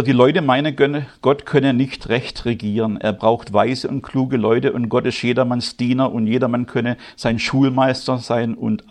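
A German-speaking man preaching a sermon, moving from quiet, measured delivery to loud, high, emphatic passages. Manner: grows loud and high-pitched when stirred, slow emphatic stresses.

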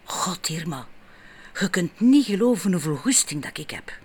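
A woman's voice: mid-range voice, very animated, a little fast, darkish tone. A woman voicing a tender, romantic young Flemish man.

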